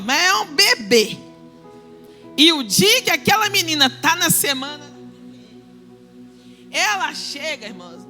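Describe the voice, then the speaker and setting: High, bright-voiced woman preaching emphatically. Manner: emphatic, swings from soft asides to shouted declarations. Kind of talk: sermon. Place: church.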